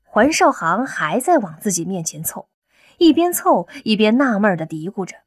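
A woman reading an audiobook novel as narrator, in an animated storytelling way. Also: mid-range voice, moderate pace, no echo. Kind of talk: scripted narration.

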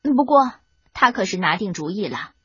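A woman narrating a children's storybook in a lively, expressive reading. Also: mid-range voice, moderate pace, breathy edge, no room sound. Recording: dull lo-fi recording, faint music.

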